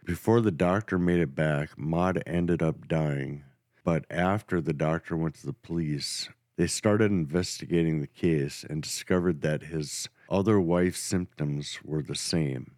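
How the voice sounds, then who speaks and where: Very deep-voiced man telling true crime. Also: a little slow, no echo, studio quality. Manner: steady, matter-of-fact narration. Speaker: podcast host.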